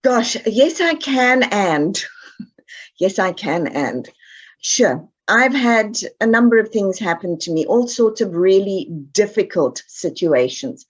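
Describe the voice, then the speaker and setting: A woman's voice: mid-range voice, lively intonation, slow, dull audio. A woman from South Africa with a South African accent, speaking as an expert guest on a podcast in an emphatic, upbeat, direct way. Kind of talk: podcast interview.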